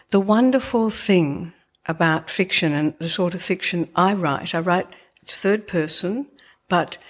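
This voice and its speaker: With a lowish voice and s sounds that slur toward sh, this woman addresses an audience as a novelist discussing her book. Her talk is chatty, thoughtful and digressive.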